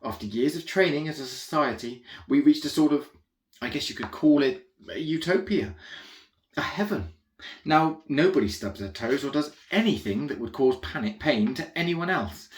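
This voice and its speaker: In a roomy-sounding recording, a medium-pitched man reads a funny children's story in first person, animated and at a moderate pace with a natural voice. His narrator is a chatty, naive young alien royal, easily sidetracked and prone to rambling, self-correcting asides.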